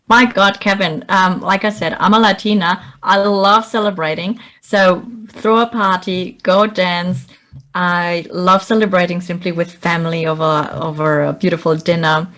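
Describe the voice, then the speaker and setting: A woman's voice: on the low side, steady tone, normal speed, fairly bright tone. A middle-aged woman from Bolivia, an executive coach giving earnest, encouraging interview answers.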